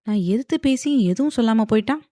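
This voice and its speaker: A woman's voice: a little high, lively intonation, quick pace, mellow, no room sound, clean studio sound, pitched above the performer's own voice, natural voice. A woman voicing a sassy, playful young wife in an audio novel, cheeky and sarcastic.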